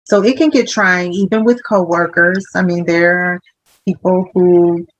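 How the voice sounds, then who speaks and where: A woman who works as a hospital social worker, telling stories in a lively, humorous way and acting out other people's voices. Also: lowish voice, unhurried, no room sound, poor audio. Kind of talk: casual interview storytelling.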